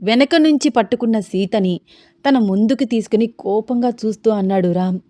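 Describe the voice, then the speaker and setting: A woman narrating a love story with steady storytelling. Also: on the high side, brisk, no echo, clean studio sound. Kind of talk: story reading.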